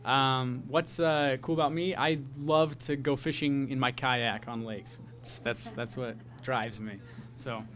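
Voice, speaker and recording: A man in his twenties answering panel questions earnestly, with a casual, slightly halting way of talking. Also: mid-range voice, steady tone, fairly bright tone, slight background noise. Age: 20s.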